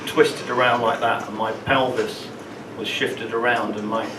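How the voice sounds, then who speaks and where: A man telling a personal story at an open mic, halting and often repeating words as he goes. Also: medium pitch, flat delivery. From London, England. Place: small open mic venue in a room. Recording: roomy, distant, with room ambience noise.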